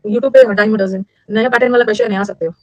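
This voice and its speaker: A middle-aged woman teacher rattles through a vocabulary lesson at a rapid clip. She repeats key words and fires questions at her students. Her voice sits a little high and sounds close and dry. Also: fairly even intonation, no echo, lo-fi sound. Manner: quick, drilling repetition and quizzing. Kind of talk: vocabulary lecture.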